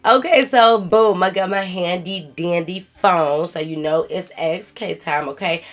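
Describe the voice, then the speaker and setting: Her voice on the low side and stuffy from a cold, a young woman vlogger reads a viewer's story at a measured pace and talks back to it in sassy slang. It's a casual storytime of reading the letter and reacting.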